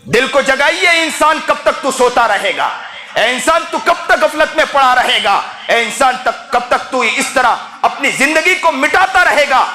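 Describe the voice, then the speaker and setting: A man preaching an impassioned sermon in a mosque, rising to shouts and voicing family members in his stories. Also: very high voice, reverberant, rough recording. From India. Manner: impassioned, rising to shouts, voices mother and child in quotes.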